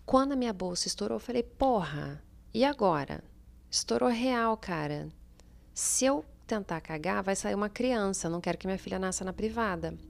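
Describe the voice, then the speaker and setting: A woman's voice: medium pitch, fairly quick, vocal fry. A woman, hosting a podcast and telling a candid personal story. She talks frankly and expressively, swears freely, and acts out her own panicked voice from the past. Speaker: podcast host.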